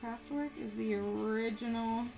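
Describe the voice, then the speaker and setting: A woman's voice: fairly high pitch, measured pace, vocal fry, a little mellow, low-quality recording. A woman chatting casually off camera on a live stream, giggly and chatty. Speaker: co-host off camera. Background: music.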